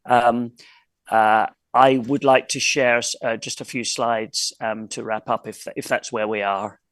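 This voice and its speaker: A man hosting an online quiz wrap-up over a video call, talking in halting bursts with many fillers and restarts. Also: mid-range voice, level tone, a bit bright, no room sound. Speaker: quiz host.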